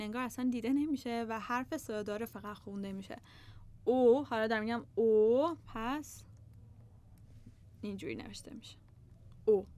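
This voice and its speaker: Young female teacher, higher voice, patient and repetitive, beginner-class delivery. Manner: patient, repeats words slowly for learners. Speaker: language teacher. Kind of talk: beginner language lesson.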